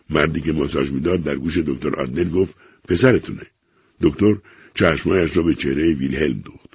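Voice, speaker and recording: A man narrates a novel in a measured, grave manner. His voice is extremely deep, gravelly and husky. The sound is close and dry. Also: darkish tone, dry recording. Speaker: audiobook narrator. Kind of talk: scripted narration.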